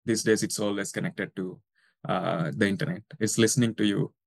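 Low-voiced hesitant man from Sri Lanka. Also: fairly even intonation, normal speed, gravelly, no room sound. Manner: hesitant, many fillers. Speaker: guest researcher. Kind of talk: interview answers.

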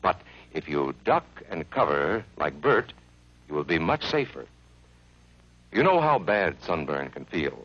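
An American man narrating a grave civil defense film from the 1950s in a measured, instructive way, as if addressing children. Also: very deep voice, sing-song, no room sound. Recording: dull vintage film soundtrack.

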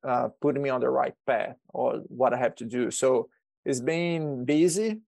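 Halting Brazilian man, dry close sound. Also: mid-range voice, vocal fry, a little mellow, dry recording. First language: Portuguese. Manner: halting, many restarts and repeated words. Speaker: extension educator guest. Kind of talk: podcast interview.

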